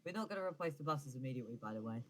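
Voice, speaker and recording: A man's voice: mid-range voice, animated, rapid-fire, fairly bright tone, slight background noise. A young man giving casual, rambling gameplay commentary, full of fillers and self-corrections. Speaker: gaming YouTuber.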